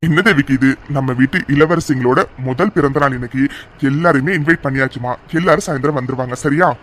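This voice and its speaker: A man's voice: mid-range voice, quick pace, a bit bright, close to an everyday voice. A man voicing a doting, reassuring father in a cartoon, with fond, coaxing talk. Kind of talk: cartoon dubbing.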